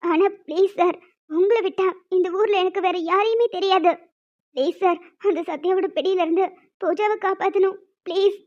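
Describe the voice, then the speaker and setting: Woman voicing a frantic cartoon young woman, very high squeaky pitch, earnest begging tone, dull lo-fi sound. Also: moderate pace, darkish tone. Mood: pleading. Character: pleading young woman, anxious informant. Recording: dull lo-fi recording.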